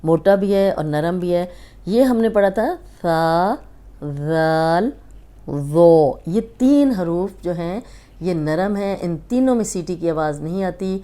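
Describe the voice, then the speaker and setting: A woman's voice: on the low side, expressive, mellow. Patient woman teaching Quran letters. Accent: Pakistani Urdu. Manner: patient, repeats and stretches each letter sound. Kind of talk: slow Urdu tajweed lesson with drawn-out letter sounds.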